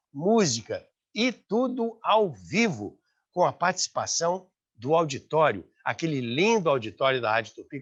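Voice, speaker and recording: A man with a Brazilian accent and a husky voice on the high side hosts and narrates a radio history series. He tells the documentary-style history as a story.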